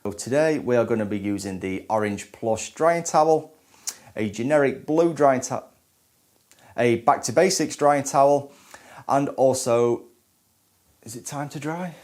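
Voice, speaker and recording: A man's voice: medium pitch, measured pace, darkish tone. Male presenter, 30s, instructional read to camera, stumbling and restarting takes. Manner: flubs and restarts lines, repeating takes. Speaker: presenter of car detailing tutorials.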